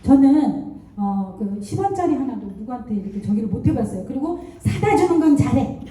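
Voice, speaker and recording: A woman with a high but mellow voice gives a motivational talk at a marketing seminar. She tells stories and keeps asking the audience rhetorical questions. She is picked up from far off in a very echoey lecture hall. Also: brisk. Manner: animated storytelling with rhetorical questions. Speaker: network marketing distributor giving a talk.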